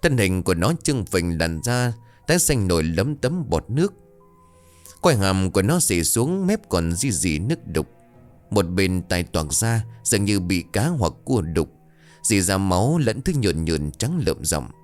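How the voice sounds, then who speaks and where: Low-voiced man telling a ghost story. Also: unhurried. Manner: steady storytelling. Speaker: narrator. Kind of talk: scripted ghost story narration. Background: faint music.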